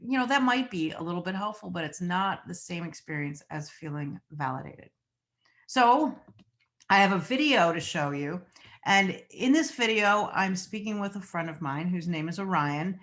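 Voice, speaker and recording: A woman teaching about naming and validating emotions in a relaxed, conversational talk, often acting out quoted lines. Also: normal speed. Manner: conversational, acts out quoted lines with rising pitch. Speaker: mental health educator. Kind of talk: informal explanatory talk.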